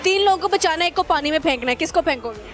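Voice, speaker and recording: Racing along with lively intonation at an extremely high pitch, a Pakistani-accented woman runs a bantering street interview. She teases her subjects playfully and turns their answers back into questions, while music and crowd chatter fill the background.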